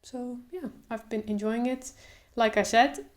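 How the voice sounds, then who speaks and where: A young woman who creates videos talks casually to camera, her voice on the high side. She openly stutters with repeated sounds and pauses before easing into a slow, relaxed delivery.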